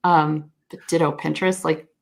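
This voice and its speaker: A woman's voice: deep voice, fairly even intonation, normal speed, gravelly. A woman speaking as a guest expert on a video call, explaining search crawling in a thoughtful, frank way with frequent self-corrections. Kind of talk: conversational explanation.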